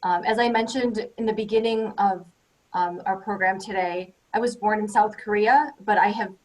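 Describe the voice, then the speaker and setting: Woman, 30s, friendly, lots of um fillers, mid pitch, video call. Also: steady tone, moderate pace, poor audio. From United States. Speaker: judicial candidate. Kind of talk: candidate forum answer.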